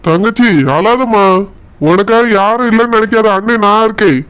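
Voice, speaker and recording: A man's voice: high-pitched, normal speed, a bit bright, clean tone, rough recording. A man voicing a kind, protective older brother in a cartoon, with a Tirunelveli Tamil accent and a soothing, reassuring manner.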